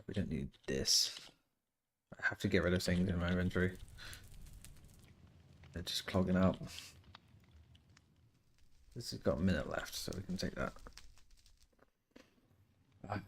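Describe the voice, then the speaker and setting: Speaking in a low voice, unhurried and pausing often, a man offers casual commentary while streaming a survival game. He talks to viewers and thinks aloud as he plays, sounding nasal and sniffly with a cold, and there's slight background noise.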